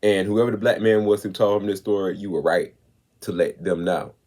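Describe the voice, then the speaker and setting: A man hosting a commentary show, talking with emphasis and slowing down to stress his points. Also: low voice, darkish tone. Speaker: host. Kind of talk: commentary on clips.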